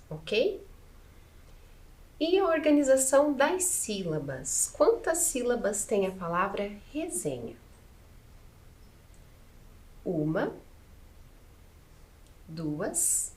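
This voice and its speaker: Letters and syllables are spelled out patiently, one after another, by a Brazilian female teacher in a video lesson. She has a mid-range voice and a Brazilian Portuguese accent.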